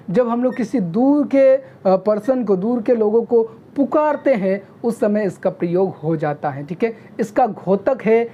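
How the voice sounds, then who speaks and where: A woman teaching a video grammar lesson, who often checks in with "okay?" and sounds out vowels slowly. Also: medium pitch, dark tone, slight background noise. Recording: dull lo-fi recording.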